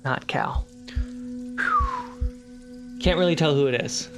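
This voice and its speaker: A man acts as game master for a tabletop roleplaying game, narrating scenes and answering players in a fairly high-pitched, slow voice. Atmospheric music and rain sound effects play behind him.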